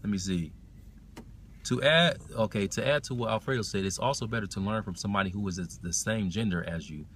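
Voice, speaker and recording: A man runs a casual language-learning livestream, answering comments and haltingly going back over what he's already said. He speaks on the low side with a slightly bright tone, over a faint hiss or hum.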